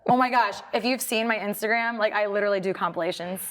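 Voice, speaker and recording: Young woman, from Maryland, interview guest, bubbly, giggly, searching for words, middle pitch. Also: fast, a bit bright. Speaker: guest, apparel business owner. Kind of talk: casual interview answers.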